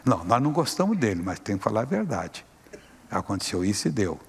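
Earnest anxious young woman as a man puts her on, husky, echoing hall. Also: on the low side, big pitch swings, brisk, full character voice. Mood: insistent.

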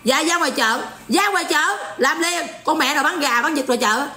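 A high, bright-voiced woman in her forties with a Southern Vietnamese accent rants in mocking, scolding commentary. Her sharp tone bounces around an echoey room. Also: lively intonation, a little fast. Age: 40s. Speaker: online commentator. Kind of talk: ranting livestream commentary.

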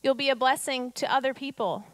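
During a sermon on a church stage, a woman in her thirties speaks a little fast in a high, bright voice. Her handheld mic picks her up close and dry with no room sound, as she hammers her points with rhetorical questions and acted-out quotes.

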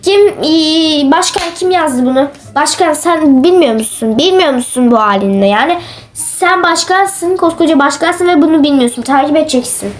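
A woman's voice: sits high, lively intonation, normal speed. A woman playing a whiny sick-acting teacher. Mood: whiny scolding. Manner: whiny, complaining, scolding pupils. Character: lazy grumbling woman teacher pretending to be sick. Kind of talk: comic role-play.

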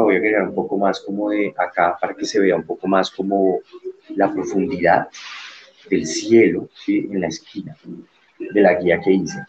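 A man's voice: deep voice, darkish tone, lo-fi sound. A man teaching an online art class, explaining as he works and checking in with frequent tag questions.

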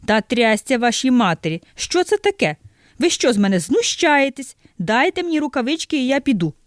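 A woman's voice: medium pitch, moderate pace, darkish tone, dry recording, clean studio sound, close to an everyday voice. A woman voicing a male customer who grows more and more irritated, speaking insistently. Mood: exasperated. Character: exasperated male customer losing patience.

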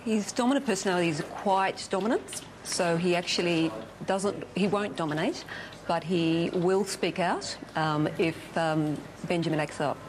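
A middle-aged woman psychologist giving measured, analytical comments on a TV panel in a studio, on a lapel mic. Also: on the low side, noisy background. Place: TV studio, indoors.

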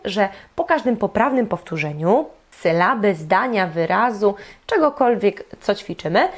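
A young woman, a speech therapist, giving a lively instructional lesson and speaking directly to her viewers. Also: medium pitch.

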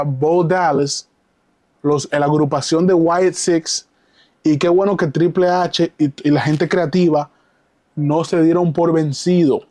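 An excitable man talking on a live stream from his home, his voice sitting a little on the high side. He comments eagerly, answers chat messages, and drops English exclamations into his speech. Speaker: live streamer reacting to wrestling. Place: home, downstairs at night.

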